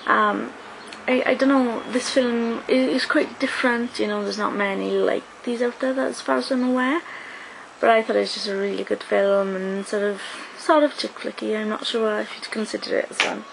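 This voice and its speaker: Chatting to camera in a small room, a young adult woman from South Wales keeps a steady, medium-pitched tone with vocal fry at a moderate pace. The webcam sits close, catching her frequent "um"s and "like"s along with background noise.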